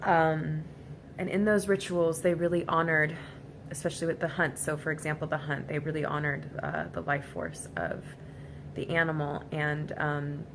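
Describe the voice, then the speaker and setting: A woman gives a reflective personal vlog monologue, speaking casually and haltingly in an earnest, emotionally vulnerable way. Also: deep voice. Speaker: vlogger. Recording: clearly noisy amateur recording.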